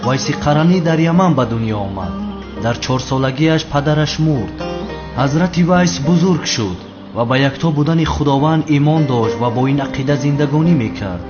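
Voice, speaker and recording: Solemn preacher, played by a man, measured sermon, lo-fi dub. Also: fairly high pitch, animated, close to an everyday voice. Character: solemn male preacher addressing a congregation. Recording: dull lo-fi with loud music.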